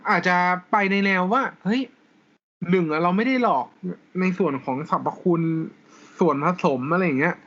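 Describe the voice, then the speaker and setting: A man's voice: sits high, animated, moderate pace, fairly bright tone, highs cut off. A man co-hosting a casual podcast chat, explaining things step by step and laughing often. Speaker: podcast co-host. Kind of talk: casual chat about law.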